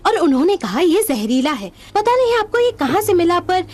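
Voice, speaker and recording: A woman's voice: extremely high pitch, lively intonation, moderate pace. An actress dubbing a polite, worried woman who hesitantly complains to a doctor. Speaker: dubbing actor. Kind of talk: Hindi film dub.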